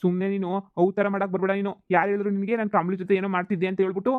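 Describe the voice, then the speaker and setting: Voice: medium pitch, little pitch movement, racing, dry recording, narrow, tinny audio, natural voice. A performer voicing a cornered cartoon husband, wailing and pleading in a mid-range voice. He bargains and mutters sulky threats. The sound is dry and close. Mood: protesting. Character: cheating village husband, whiny and cornered. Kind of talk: cartoon comedy dubbing.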